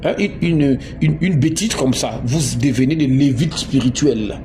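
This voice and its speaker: A man's voice: medium pitch, normal speed. A man from Congo preaching a sermon, emphatic, repeating words and asking his listeners questions. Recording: noisy background.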